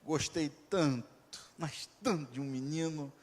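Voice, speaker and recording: A man preaching, voicing a young king's daughter who softly coaxes her father, in a reverberant church hall. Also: fairly high pitch, a little slow. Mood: coaxing. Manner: soft, coaxing, pleading.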